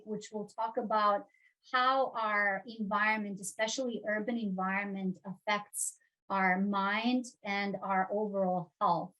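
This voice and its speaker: A woman's voice: a little high, fairly bright tone, poor audio. A woman from Serbia in her thirties hosting a casual interview, chatty, with many fillers and restarts. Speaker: host.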